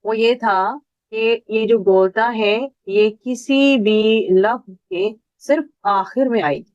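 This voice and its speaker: A woman teaching an online class, patiently repeating each point slowly for her students. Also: a little high, steady tone, darkish tone, smooth, no echo, dull audio.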